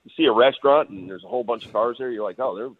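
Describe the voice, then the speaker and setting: A man calling in to a radio show, chatting casually and haltingly with lots of fillers. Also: medium pitch, dry recording. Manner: rambling, halting with many fillers. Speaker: phone-in guest. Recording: tinny phone line.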